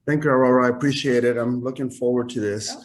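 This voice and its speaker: A man's voice: medium pitch, steady tone, fast talker, a little hiss or hum. Chilean-born man telling his story. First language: Spanish. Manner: rambling, many fillers and restarts. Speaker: guest, custom clothing company founder. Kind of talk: casual storytelling interview. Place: video call. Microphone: video call.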